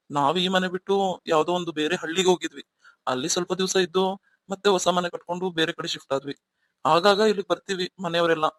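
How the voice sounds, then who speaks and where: A man's voice: fairly high pitch, a bit bright, dry recording, lightly acted. A man voicing a remorseful young husband in a cartoon story, coaxing and pleading with his wife. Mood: reminiscing.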